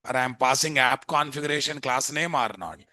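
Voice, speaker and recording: A male programming instructor with a Telugu Indian accent runs a live screen-share class from indoors, dictating notes, repeating phrases, and quizzing students with tag questions. His medium-pitched voice is pushed and bright, slightly fast, with no echo and studio-quality sound.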